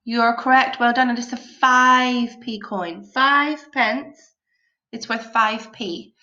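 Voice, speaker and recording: A woman with a bright voice teaches young children in the manner of a kids show host. She takes her time, encouraging and praising as she puts questions to them. The recording is a little dull and lo-fi. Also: on the high side, takes it slowly. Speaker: primary school maths teacher.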